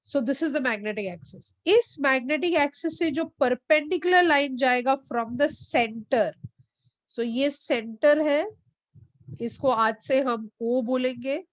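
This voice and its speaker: A woman's voice: high voice, drawn-out words, no room sound. A woman teaching a physics class online, switching between English and Hindi and calling on students by name to answer.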